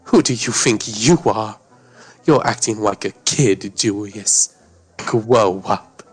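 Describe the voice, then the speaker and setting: A man's voice: fairly low pitch, slow pace, slightly rough. A man voicing a prim, formal grown man who pries into others' lives in stiff, polite phrasing. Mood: confrontational.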